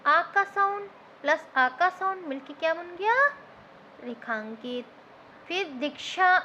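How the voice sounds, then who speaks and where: A woman teacher with a high, bright voice walks through grammar rules step by step. She keeps asking questions and answering them herself. The recording is slightly dull and lo-fi, with faint noise behind her. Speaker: Hindi teacher. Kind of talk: classroom grammar lesson.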